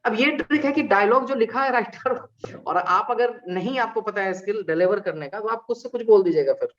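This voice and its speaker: Animated man, lo-fi sound. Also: high voice, brisk. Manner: animated, explains with examples and rhetorical questions. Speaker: invited alumni guest. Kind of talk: conversational panel talk. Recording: dull lo-fi recording.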